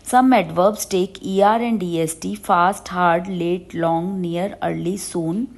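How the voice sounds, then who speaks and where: A woman teaching a grammar lesson. She reads English word lists slowly, then explains quickly in Hindi. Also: on the low side, steady tone, a little mellow. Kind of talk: grammar lesson reading out examples.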